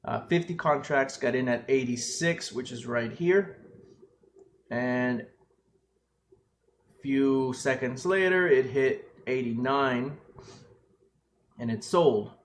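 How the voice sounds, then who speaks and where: Casual male trader, rambling recap, thin low-quality webcam mic, faint background noise. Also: slow pace, long pauses. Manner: loose and rambling, with many fillers and restarts. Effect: low-quality webcam microphone sound. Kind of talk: casual screen-share trading recap. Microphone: webcam microphone.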